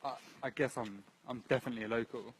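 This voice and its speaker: A man's voice: medium pitch, steady tone, fast talker, slight background noise, rough recording. A man born in London to a Syrian family, earnestly explaining old ruined buildings outdoors as he walks a livestream through them, often repeating words. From British Syrian, born in London. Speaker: local guide. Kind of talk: casual walking chat on a livestream.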